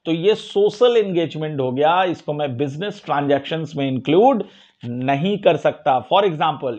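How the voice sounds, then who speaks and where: A man's voice: fairly high pitch, darkish tone. A man teaching an accounting lesson, explaining step by step and asking and answering his own questions. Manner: explanatory, mixes Hindi with English terms, asks and answers his own questions. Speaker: commerce teacher. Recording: dull lo-fi recording.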